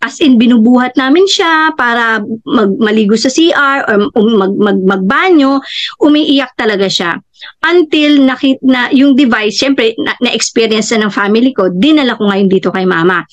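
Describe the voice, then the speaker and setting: A middle-aged woman with a high voice tells her family's story as a personal testimonial, full of animated retellings. Her pitch leaps even higher whenever she quotes someone. The recording is dull and slightly lo-fi. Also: normal speed. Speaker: customer giving a testimonial.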